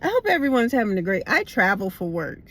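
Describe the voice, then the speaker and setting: A middle-aged woman vlogger chats candidly to her viewers from inside a parked car, tired and rambling in a blunt, slangy way. Retainers give her a slight lisp. Her voice is medium-pitched and a bit bright, moving quickly with big swings in pitch.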